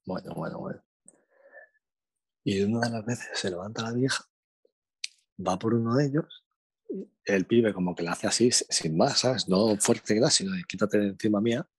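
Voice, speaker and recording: A young man from Spain with a Spanish accent, telling a slangy, animated anecdote in casual chat. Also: on the low side, moderate pace, creaky, pauses often, breathy edge, no echo. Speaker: storyteller.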